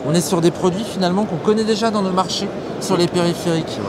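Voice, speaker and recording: Fast, high-voiced male interviewer at a loud trade show. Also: steady tone. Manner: brisk, enthusiastic, short interjections. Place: busy indoor trade show hall. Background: loud trade show crowd noise.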